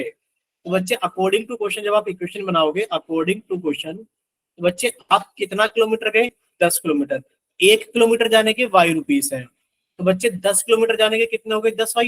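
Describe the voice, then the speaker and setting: A man with a high voice teaches a live online math lesson. He works through the problem step by step and keeps stopping to ask the students whether it is clear. It sounds like a video-call class. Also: fairly bright tone, poor audio.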